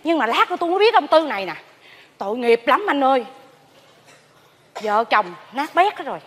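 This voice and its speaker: A woman's voice: sits high, fairly quick. An actress playing a gossipy woman who sweeps leaves at a temple, in a live stage comedy. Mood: gossiping. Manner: excitable gossip, exclaiming. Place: large theater stage. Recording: stage hall with audience.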